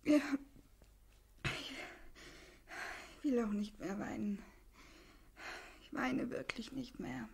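A despairing young sister of twenty-four, high-pitched and tearful, drifting into husky whispers. Her voice has a gravelly, fry-tinged edge. It is classic 1960s radio play acting. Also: normal speed, full character voice. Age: 20s.

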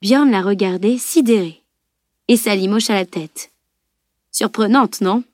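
A woman narrating an audiobook with an even, measured reading. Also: mid-range voice, dry recording, clean studio sound. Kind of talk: scripted narration.

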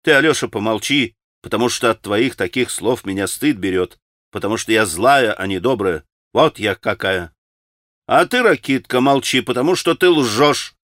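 A man's voice: mid-range voice, lively intonation, normal speed, fairly bright tone, dry recording, studio quality, lightly acted. A man reading an audiobook voices a passionate, impulsive young woman who speaks with agitated emotion. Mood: vehement.

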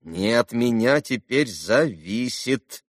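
A man voicing a haughty, impatient doctor who speaks slowly and with weight. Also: medium pitch, very animated, dry recording, clean studio sound, voice pushed up. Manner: slow, weighty, condescending.

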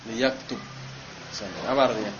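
In a classroom lesson, an Indonesian man teaches Arabic grammar, quizzing students by name and stressing drill words. He speaks briskly with a fairly low voice, captured in a dull, noisy classroom recording.

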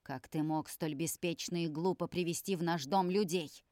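Woman reading a cold, commanding vampire patriarch in an audiobook; low, dry, lecturing. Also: fairly even intonation, normal speed, warm tone, no room sound, natural voice. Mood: cold stern. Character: stern domineering male vampire elder, cold and harsh.

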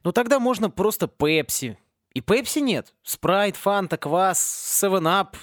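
A man's voice: sits high, lively intonation, unhurried, fairly bright tone, dry recording, clean studio sound, voice pushed up. A man voicing a cocky, talkative teenage boy wizard in a storybook. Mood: cheeky.

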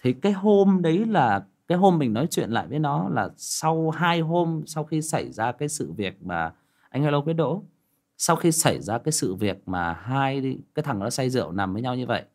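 Man, casual storytelling, lively swinging pitch, acts out dialogue. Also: moderate pace. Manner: acts out both sides of a conversation, rising sharply when excited. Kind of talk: casual spoken storytelling to listeners.

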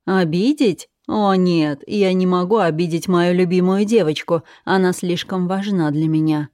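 A woman voicing a fanatical, cruel female jailer who speaks slowly and spits contempt. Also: fairly low pitch, dark tone, no room sound, studio quality, natural voice. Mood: mocking.

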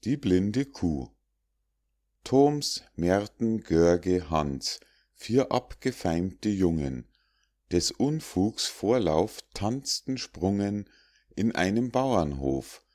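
Deep, slow male narrator reading verse. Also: very animated, darkish tone. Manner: measured, rhythmic verse reading. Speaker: audiobook narrator. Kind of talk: reading rhymed fables aloud.

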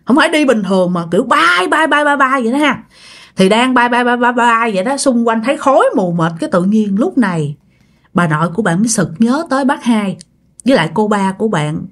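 Animated Southern Vietnamese woman storyteller. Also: a little high. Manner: animated, acts out quoted voices. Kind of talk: casual ghost story narration.

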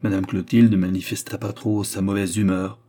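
A man reading a novel aloud as an audiobook narrator, in a measured, even storytelling manner. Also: low voice.

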